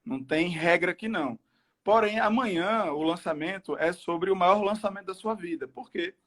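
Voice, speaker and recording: A man's voice: high-pitched, moderate pace, fairly bright tone. A Brazilian man hosting a casual live stream in a slangy, rallying gym-bro style. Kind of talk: casual hype live chat.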